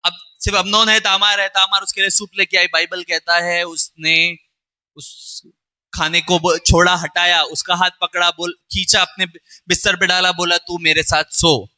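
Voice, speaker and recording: High, forceful man telling a sermon story. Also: normal speed, smooth, no room sound. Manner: acts out dialogue in character voices; colloquial, animated retelling. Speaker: pastor.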